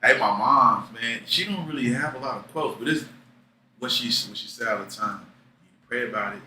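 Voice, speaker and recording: A man's voice: mid-range voice, a little fast, pushed and bright, echoey room, recorded from a distance, a little hiss or hum, poor audio. A man who just turned thirty-nine, a guest relaxedly telling stories in a casual interview chat. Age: 30s.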